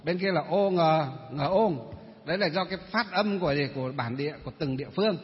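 A man's voice: fairly high pitch, expressive, very fast. A male Buddhist monk with a Northern Vietnamese accent giving a dharma talk, posing rhetorical questions and answering them himself. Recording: reverberant hall, dull muffled sound.

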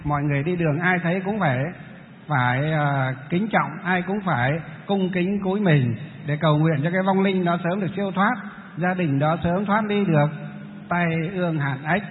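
High-voiced monk in an echoey hall. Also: male voice, moderate pace, a little hiss or hum. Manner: explains patiently, breaks into chanting demonstrations. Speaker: Buddhist monk teacher. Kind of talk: dharma talk with questions from the audience. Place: large lecture hall. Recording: tinny, echoey hall recording.

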